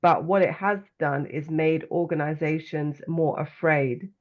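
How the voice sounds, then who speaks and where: A woman's voice: low-pitched, measured pace, phone-quality sound. A woman with a London accent, a guest author and coach, speaking earnestly and reflectively in a conversational interview. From London, England.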